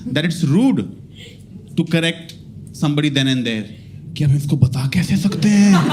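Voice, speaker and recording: A young male stand-up comedian with a high, lively voice that swoops up and down as he tells his bits. He slips between Hindi and English. A loud noise floor sits under the whole recording. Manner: animated, mixing Hindi and English.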